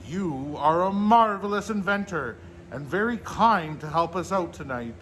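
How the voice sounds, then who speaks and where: A man acts out a jolly, kindly old Santa from a children's storybook. He is hearty, commanding and encouraging, pitched on the high side, with noticeable noise behind the voice. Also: lively intonation, unhurried, a bit bright. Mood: warm, encouraging. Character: jolly, kindly old Santa Claus rallying his team.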